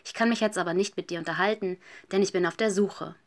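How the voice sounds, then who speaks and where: A woman's voice: mid-range voice, fairly even intonation, fast talker, natural voice. A woman voicing a lonely little Easter hedgehog in a children's story, earnest and a bit plaintive.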